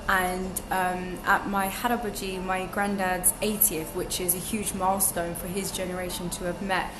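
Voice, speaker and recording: Speaking with a lowish voice that barely moves in pitch, this young podcast guest keeps a moderate pace over a noisy background. Her casual interview chat is reflective and talkative, peppered with ums and false starts, recorded in an echoing room with music underneath.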